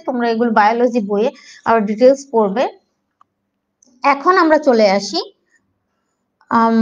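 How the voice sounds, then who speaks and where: A woman's voice: sits high, dull audio. A woman with a Bangladeshi Bengali accent teaching an online agriculture class, explaining patiently step by step and spelling out terms syllable by syllable.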